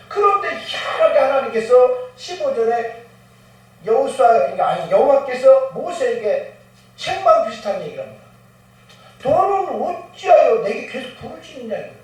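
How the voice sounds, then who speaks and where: Male pastor, high voice, chatty sermon full of rhetorical questions, heavy church echo. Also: a little mellow. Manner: keeps asking the congregation rhetorical questions. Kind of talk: conversational sermon. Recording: very echoey church room.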